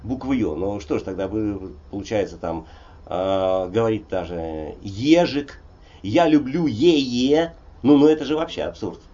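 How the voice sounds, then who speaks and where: A Russian poet and polyglot in his sixties is the guest in a relaxed conversational interview, telling stories in a rambling, digressive way with many hesitations and "vot" fillers. His voice is fairly low and a little slow, and the recording's highs are cut off.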